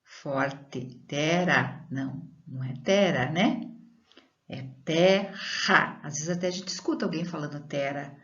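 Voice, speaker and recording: A woman teaching a primary school lesson, reading words slowly and drawn out and asking pupils questions. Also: low voice, muffled recording. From Brazil.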